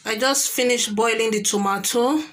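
A young woman with a Nigerian accent chats casually with her viewers as a cooking vlogger, recorded at home on a phone. Her voice is on the high side at a moderate pace, and music plays over it.

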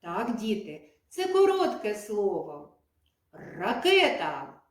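A woman kindergarten teacher giving a lesson to young children, speaking slowly and clearly in a sing-song teacherly way. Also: mid-range voice, huge pitch swings. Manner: slow, clear, sing-song teacherly speech with drawn-out words. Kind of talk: preschool lesson addressed to children. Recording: echoey room, voice from a distance.

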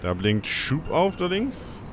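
A man's voice: on the high side, wildly swooping pitch, takes it slowly, noisy background. A man giving casual let's play commentary, thinking aloud and exclaiming as he reacts to the game. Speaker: let's player. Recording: game music behind commentary.

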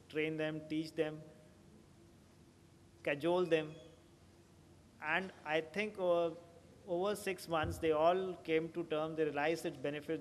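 A man's voice: on the high side, a little hiss or hum. Man at a podium in a reverberant hall. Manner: explanatory, steady, with fillers and restarts. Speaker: conference speaker. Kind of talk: answering audience questions at a conference. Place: large auditorium, at a podium. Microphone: podium microphone. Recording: long hall reverb, faint ambience.

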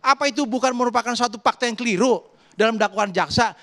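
A man's voice: extremely high pitch, fast talker, gravelly, fairly bright tone. A man, a defense lawyer, arguing insistently in a heated televised debate and cutting in often. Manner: insistent, interrupting.

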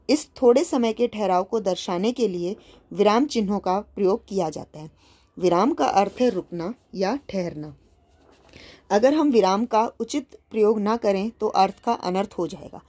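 A woman's voice: mid-range voice, mellow. A woman teacher patiently explaining a school worksheet to young children, often repeating and rephrasing her points.

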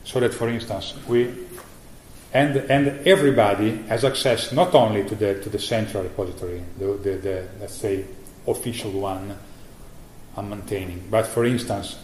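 A middle-aged man giving a conference keynote about software he maintains, speaking haltingly with many fillers and restarts. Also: fairly low pitch, steady tone. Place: conference hall. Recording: echoey room with faint noise.

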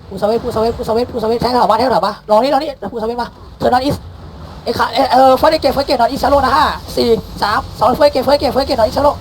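A man calling shots in a game battle, barking rapid repeated commands and countdowns, mixing English callouts into his speech. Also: very high-pitched, fairly even intonation, slight background noise, low-quality recording. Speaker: guild war shotcaller. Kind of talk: live game commands over voice chat.

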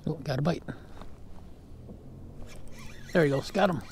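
A man giving casual running commentary while fishing from a kayak on a river, relaxed and chuckling between remarks. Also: on the high side, very fast, slight background noise. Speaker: fishing vlogger. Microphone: action camera mounted on kayak.

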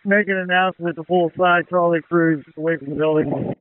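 Urgent firefighter on narrowband radio, higher-pitched man. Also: fairly even intonation, brisk, clean tone. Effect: two-way radio transmission. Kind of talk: emergency radio traffic, terse reports. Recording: narrowband fire radio transmission.

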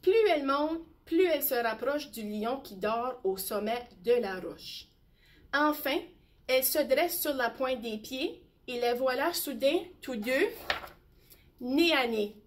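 A woman teacher reading a bedtime story aloud slowly and expressively. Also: high-pitched, slight background noise. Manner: slow, gentle, expressive.

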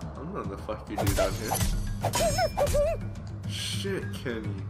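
A man commentating casually on his own video game play, swearing constantly and breaking into excitable outbursts. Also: on the low side, measured pace. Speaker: gamer doing a let's play. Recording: commentary over loud game music.

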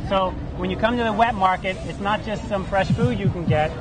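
A middle-aged man with a fairly high voice leads a casual walking tour of an outdoor street market. He talks in an easy, guiding way. Music plays behind him, picked up by a camcorder mic. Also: fairly quick, rough recording. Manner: relaxed, guiding and pointing things out. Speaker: host.

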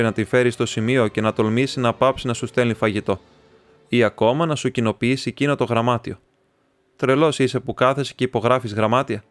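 A man reading the part of a talkative, excitable young male student who rambles, chats and teases his friend. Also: mid-range voice, no echo, lightly acted. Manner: rambling, chatty, teasing.

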